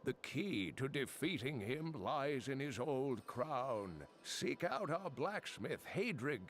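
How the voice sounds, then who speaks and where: An actor playing an old male sage and scholarly storyteller in a video game, speaking in a gravelly, measured way. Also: medium pitch, big pitch swings. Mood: solemn. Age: older.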